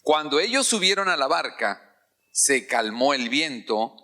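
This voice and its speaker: Forceful, bright-voiced preaching pastor, a man. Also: medium pitch, big pitch swings, measured pace. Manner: preaching, has the congregation repeat phrases and calls out hallelujah. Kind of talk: sermon. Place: church service with a congregation.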